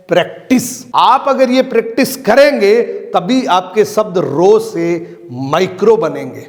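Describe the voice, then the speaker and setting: A man giving an emphatic motivational training talk on network marketing, repeating his key phrases. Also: high voice. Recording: long hall reverb.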